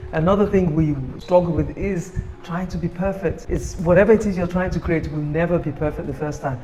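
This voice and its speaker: A man giving an upbeat, persuasive sales pitch for his own book, recorded on a phone camera. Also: a little mellow, a little hiss or hum, low-quality recording. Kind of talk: motivational self-promotion video.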